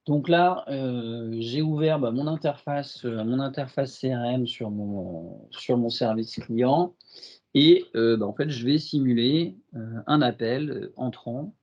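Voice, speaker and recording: A man with a French accent walks through a software demo on a video call, stopping often on fillers and restarting his sentences. His voice sits at an ordinary pitch. The audio is dull and lo-fi, like a computer mic. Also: slow. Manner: hesitant, many fillers and restarts. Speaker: IT consultant presenting a demo. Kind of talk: webinar product demo.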